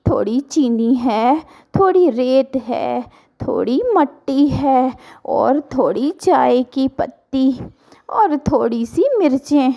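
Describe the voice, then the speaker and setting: A woman doing a slow, crafty old mother. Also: sits high, creaky, dark tone, exaggerated voice. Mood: knowing.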